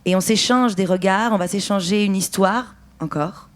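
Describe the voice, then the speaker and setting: A woman from France talks about her stage work as a festival interview guest. She is thoughtful and pauses to find her words. Her voice sits at an ordinary middle pitch. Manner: thoughtful, searching for words with restarts. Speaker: actress and writer, interview guest.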